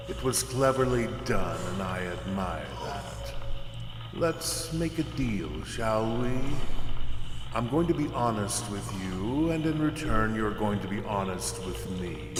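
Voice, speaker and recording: A man performs a cruel prison warden for a game, low-voiced and very deliberate. The sadistic guard addresses the captive with menacing mock courtesy. The voice rings through a long, echoey hall with music behind it. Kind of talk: dramatic game voice acting.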